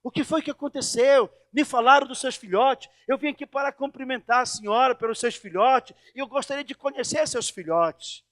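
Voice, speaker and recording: A pastor playing a bouncy male monkey in a pulpit fable, nosy and quick to scold. His voice rings very high with a dry, close sound. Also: fairly bright tone, dry recording. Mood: curious. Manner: inquisitive, scolding.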